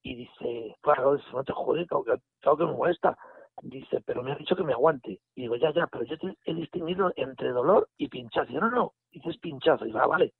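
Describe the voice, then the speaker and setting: A man, telling a story in a casual, animated way and acting out the dialogue. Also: on the high side, brisk, creaky, slightly rough, no room sound. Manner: animated retelling with quoted dialogue and restarts. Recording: phone line audio.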